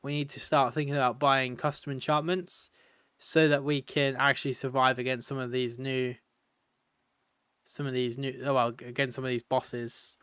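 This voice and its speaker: A man's voice: mid-range voice, level tone, moderate pace, a bit bright, smooth, no room sound. A tired man, chatting casually and rambling while live-streaming a video game, often laughing at his own jokes.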